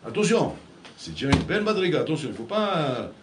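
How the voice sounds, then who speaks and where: Male rabbi, lively preacher, slightly high voice, roomy echo. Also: fast talker, noisy background. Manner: animated, acts out dialogues, addresses listeners as Rabotai. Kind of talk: Torah lecture. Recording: echoey room with faint ambience.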